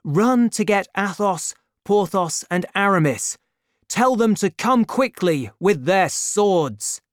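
A woman's voice: sits low, animated, a little slow, no echo, studio quality. A woman voicing a brave young guardsman. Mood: urgent. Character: brave young male guardsman, urgent and gallant.

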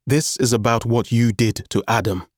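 A man's voice: medium pitch, fairly even intonation, moderate pace, no echo, clean studio sound, close to an everyday voice. A man voicing an angry, confused teenage boy in an audiobook, blunt and confrontational. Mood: confronting.

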